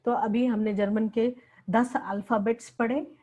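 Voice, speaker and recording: A woman's voice: on the high side, steady tone, measured pace, warm tone, rough recording. A woman teaching a language lesson, patiently repeating each word several times. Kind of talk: slow spoken lesson with repeated words.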